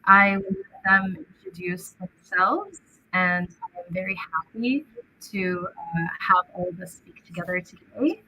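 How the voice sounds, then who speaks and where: A woman's voice: lowish voice, lively intonation, a little slow, sharp tone, poor audio. A young woman from Egypt opening an online panel as co-moderator, upbeat and welcoming, with a few fillers.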